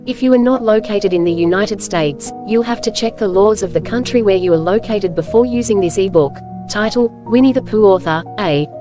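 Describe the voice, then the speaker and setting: Over music, a woman hosts and reads scripted storybook narration in a mid-range voice, her phrasing measured and clear.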